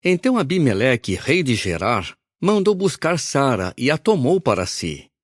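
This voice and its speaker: A man reading a Bible audio recording aloud in a measured, solemn narration. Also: medium pitch, sing-song, dry recording, clean studio sound.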